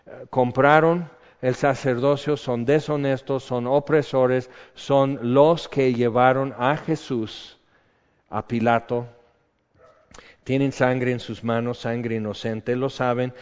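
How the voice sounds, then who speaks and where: A man preaches in a casual, storytelling way and slips into the voices of the people he talks about. His voice is smooth and resonant at a middle pitch. It rings with the long echo of a big hall and comes through a dull, lo-fi recording. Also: slow pace. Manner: conversational, animated storytelling with acted-out quotes. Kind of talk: sermon on a Bible passage. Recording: reverberant hall, dull lo-fi sound.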